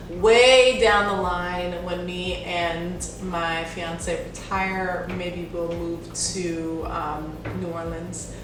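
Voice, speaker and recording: Chatty woman vlogging in an echoey room. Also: lowish voice. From Jamaica. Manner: chatty, friendly, with frequent "um" and "like". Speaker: beauty YouTuber. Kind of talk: casual Q&A vlog. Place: home in New Jersey. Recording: echoey room, mic at a distance, background noise.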